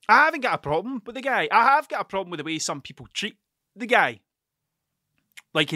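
A man from Ayrshire, Scotland, with a broad local accent, delivers a casual off-the-cuff rambling monologue in a fairly high, bright, punchy voice. He swears constantly, speaks bluntly, and keeps doubling back to question himself. The recording is dry, with very little room sound and no echo.

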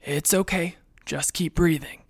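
A reader voicing a calm, reassuring young woman on the run. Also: mid-range voice, unhurried, no echo, studio quality, natural voice. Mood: gently reassuring.

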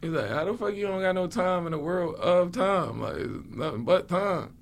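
A man's voice: sits high, expressive, moderate pace, slight background noise. A man in a casual, slangy chat, philosophizing in an easygoing way as a podcast co-host.

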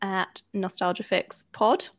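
A woman reading a brisk, upbeat podcast sign-off. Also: medium pitch, fairly even intonation. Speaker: podcast host reading outro. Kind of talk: podcast outro.

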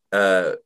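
A man in his mid-thirties co-hosting a podcast, telling stories in a wordy, hesitant way full of ums. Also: mid-range voice. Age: 30s. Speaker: podcast co-host. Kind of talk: casual chat.

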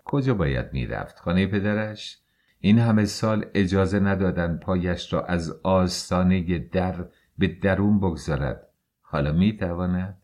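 Deep-voiced man narrating an audiobook. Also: a little mellow. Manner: emotional first-person storytelling.

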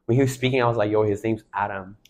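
A man in his twenties from Mexico, talking excitedly about faith in a casual chat, emphatic and full of slang fillers. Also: fairly low pitch, rapid-fire, crowd noise. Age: 20s.

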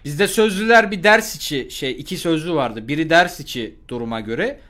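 A young man streams to his chat and spins a school story in a loose, swearing, lively way. His voice sits a little high, and he slips into the voices of the people he quotes. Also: moderate pace. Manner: animated and profane, acts out the other people in his story. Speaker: live streamer. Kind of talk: casual storytelling to a live chat.

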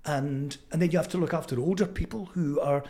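A man in his seventies with a Fife Scottish accent, telling stories reflectively as an interview guest, halting and thoughtful with frequent pauses. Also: fairly high pitch, warm tone. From Fife, Scotland. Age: 70s. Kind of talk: reflective conversational storytelling.

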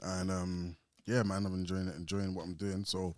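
A man's voice: sits low, little pitch movement, normal speed, darkish tone, no echo, studio quality. A man hosting a podcast in casual, conversational chat. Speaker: podcast host.

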